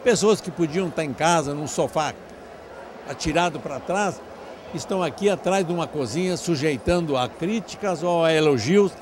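An effusive, grateful older man, the organizer of a crowded charity dinner, is interviewed on a handheld mic, talking in long flowing runs. It's billed as an outdoor event interview, set in a large covered event hall, and the event is noisy. His voice is a little high, at normal speed.

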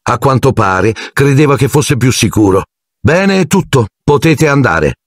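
A man's voice: mid-range voice, sing-song, a little slow, no echo, studio quality, pitched above the performer's own voice. A man voicing a strict, formal older woman teacher in an audiobook, clipped and authoritative. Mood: stern. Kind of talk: audiobook character voice.

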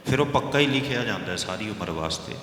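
A man with a low but bright, forceful voice teaches scripture, chanting each line slowly before breaking it down for his listeners. His words carry a long echo, as in a large hall. He sounds patient and instructive throughout. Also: animated. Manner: slow, drawn-out recitation of verses between explanations; patient, instructive, addresses listeners as brothers and sisters.

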